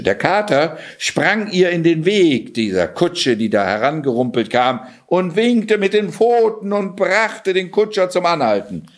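A male storyteller reading a fairy tale aloud. He takes his time and lets his voice rise and fall expressively, slipping in relaxed asides of his own. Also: mid-range voice.

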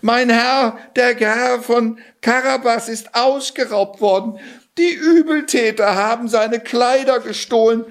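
A man's voice: mid-range voice, slow, voice pushed up. A man voicing a sly, fawning tomcat. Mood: frantic pleading. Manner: flattering, theatrically pleading.

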